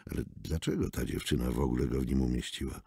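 A man's voice: rumbling low, quick pace, creaky, mellow, breathy edge, dry recording, clean studio sound, voice pushed down, heavily acted. A man voicing a brusque, mocking woman lawyer in an audiobook. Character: sharp-tongued sardonic woman lawyer. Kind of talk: audiobook character voice.

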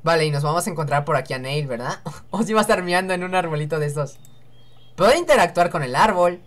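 A young woman hosts a let's-play on her gaming channel, chatting and joking to herself while reading the game's dialogue aloud. Her voice is deep and animated, and she talks at a quick pace.

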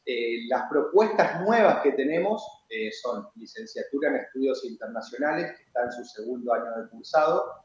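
Man in his forties, measured rector answering over a video call, roomy dull sound, lots of "eh". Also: medium pitch, lively intonation. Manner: measured, explanatory, frequent hesitation fillers. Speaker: university rector. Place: office with flags and bookshelf.

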